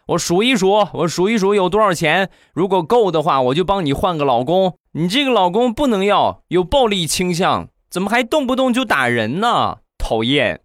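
Guy doing a bratty little kid voice, high whiny squeal, dry sound. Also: big pitch swings, normal speed, few pauses, no echo. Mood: sassy scolding. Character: cheeky little boy, sassy and scolding.

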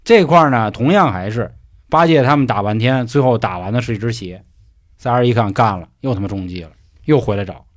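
A male co-host recaps a story in laid-back, slangy chat, dropping casual swears. His voice sits at a middle pitch with an easy, unhurried delivery. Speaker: podcast co-host.

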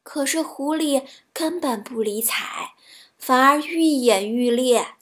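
A woman reading children's stories aloud, in a gentle storybook narration with a soft delivery. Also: high-pitched, takes it slowly.

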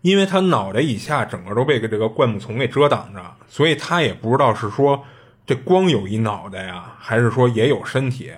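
Podcast host, male, husky voice, rapid conversational storytelling. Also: medium pitch. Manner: chatty, animated retelling with frequent fillers. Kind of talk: casual storytelling.

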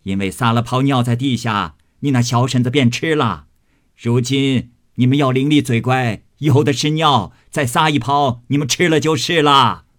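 A man's voice: mid-range voice, moderate pace, a bit bright, no room sound, clean studio sound, natural voice. A man voicing a boastful, mischievous monkey king inside a joke told in an audiobook. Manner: crude, boastful.

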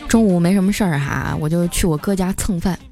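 A woman telling comic stories as a podcast host, lively and chuckling often. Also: lowish voice, fast. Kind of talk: comic storytelling. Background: background music.

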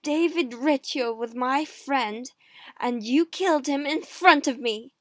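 A woman's voice: high voice, takes it slowly, a bit bright, dry recording. A woman voicing a proud, outspoken young queen in an audiobook story, emphatic and commanding. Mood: cold, bitter.

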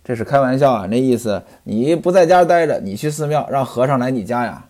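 A man's voice: medium pitch, animated, fairly quick, darkish tone. A man telling and explaining a classic story, chatting directly to his listeners. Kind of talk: storytelling commentary on a classic novel.

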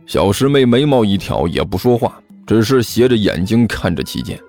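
A man narrating a serialized comic martial-arts story in an expressive, lively manner. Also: on the low side, moderate pace, soft background music.

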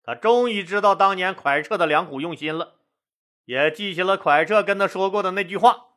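Brief: male storyteller, high bright voice, folksy jokey asides. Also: brisk. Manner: lively, joking, folksy asides. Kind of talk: colloquial history storytelling.

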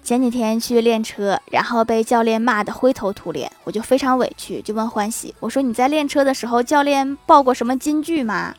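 A woman's voice: fairly high pitch, a little fast, hardly any pauses, faint music behind. A woman reading out a string of funny anecdotes, adding dry quips and chuckles after the punchlines.

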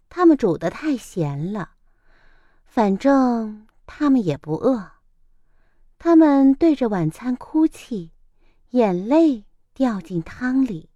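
A woman reads a children's picture book in a high, lively voice, taking it slowly and expressively. Her delivery is gently dramatic, and the close recording sounds dry. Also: no room sound, highs cut off. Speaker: storyteller.

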